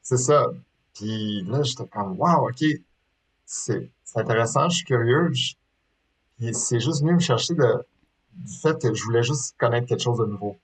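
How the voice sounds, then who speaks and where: This Québécois-accented man from Quebec, Canada, in his thirties, is a sport shooter chatting informally as an interview guest. His husky, medium-pitched voice moves at a moderate pace with lively intonation, though he hesitates a lot with fillers and restarts. The recording is rough.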